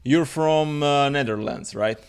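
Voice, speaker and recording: A man's voice: on the high side, a little slow, vocal fry, clear, resonant tone. A young man hosting a fitness podcast, talking in an upbeat, enthusiastic and informal way. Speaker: podcast host. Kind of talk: casual podcast chat.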